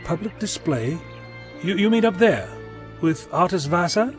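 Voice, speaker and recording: The eccentric genius time traveller of this audio drama, voiced by a man, sounds puzzled and wry as he speaks at a normal speed. He's wordy and breezy, gently lecturing, with a very lively pitch. Faint music runs in the background.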